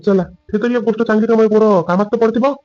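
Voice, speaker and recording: A man playing an older farmer father in a family drama skit, proud and stern, with a gruff, indignant manner. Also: sits high, steady tone, quick pace, a little mellow, dry recording, dull audio, close to an everyday voice. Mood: calling.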